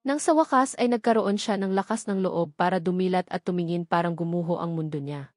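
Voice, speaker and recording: This audiobook narrator is a woman with a Filipino accent and a fairly low voice, telling a scripted dramatic story in short, emphatic, deliberate phrases. She's recorded with clean studio sound and no echo.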